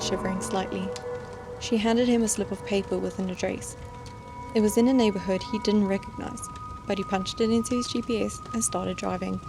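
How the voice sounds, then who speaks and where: A woman reads scripted horror stories in a measured, suspenseful storytelling manner. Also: mid-range voice, gravelly. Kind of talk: scripted scary-story narration. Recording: music bed behind the voice.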